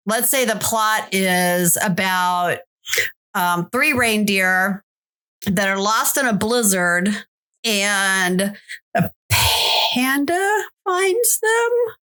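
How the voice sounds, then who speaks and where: A woman's voice: medium pitch, bright, forceful tone, clean tone. A woman hosting a podcast, chatting casually and rambling with many fillers. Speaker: podcast host. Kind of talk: casual chat.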